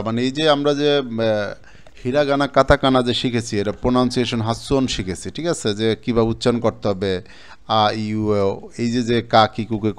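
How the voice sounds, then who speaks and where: A man's voice: mid-range voice, smooth. A male language teacher from Bangladesh explaining kanji in a casual classroom style, repeating terms and pointing things out as he goes. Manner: repetitive explaining, points at the board, mixes in English terms. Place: training center classroom.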